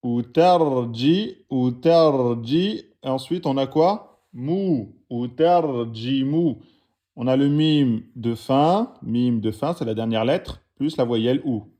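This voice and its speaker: Slow, mellow-voiced man teaching letters. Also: medium pitch. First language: French-speaking audience. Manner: patient, slow, spelling out letters and vowels aloud. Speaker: Arabic teacher. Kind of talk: correcting students' written exercises.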